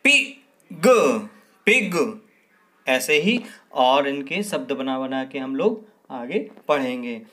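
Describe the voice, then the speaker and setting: A man teaching young children to read, sounding out syllables one by one and then calling out each answer higher and louder. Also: lively intonation. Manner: slow, clearly sounds out each syllable, then raises pitch and volume for the answer. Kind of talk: children's Hindi lesson.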